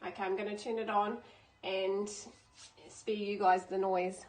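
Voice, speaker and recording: A woman's voice: medium pitch, little pitch movement, unhurried, a little mellow, rough recording. A woman, hosting a baking channel and talking through a recipe step by step in a chatty, upbeat way in her home kitchen. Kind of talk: casual cooking demonstration.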